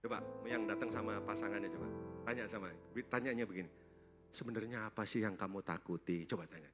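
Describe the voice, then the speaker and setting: A man preaching a sermon at a church service, lively and joking, constantly throwing questions at the congregation. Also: on the low side, fast talker, music in the background. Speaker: pastor.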